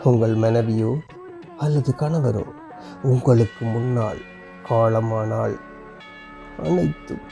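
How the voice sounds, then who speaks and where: A man narrating a reflective piece in a slow, heartfelt way, his voice breaking at times. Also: a little high, a little mellow. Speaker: host reading a story.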